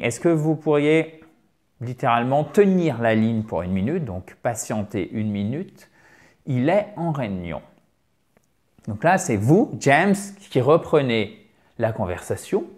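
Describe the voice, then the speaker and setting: A man teaching English phone phrases in a video lesson, lively, drilling the same phrases over and over slowly. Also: medium pitch.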